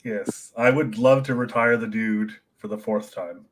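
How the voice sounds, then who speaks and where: A man's voice: on the low side, fairly even intonation, measured pace, rough recording. A man who wrote the trivia questions, announcing the answers and the scores with wry jokes. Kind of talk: casual chat.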